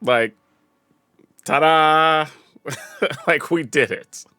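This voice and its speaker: A man from the American South commenting casually on his own card game, thinking aloud and getting excited over big plays. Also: on the high side, very slow, clear, resonant tone, no room sound, clean studio sound, soft background music. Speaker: gameplay commentator.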